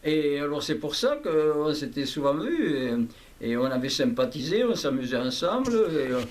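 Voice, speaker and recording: An elderly man from southwest France talks casually and haltingly, repeating himself, recorded by a hidden microphone. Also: on the high side, very animated. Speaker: interviewee, childhood friend recalling the past. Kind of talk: casual conversation, reminiscing. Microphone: hidden camera microphone. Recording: noisy candid hidden-mic recording, clicks.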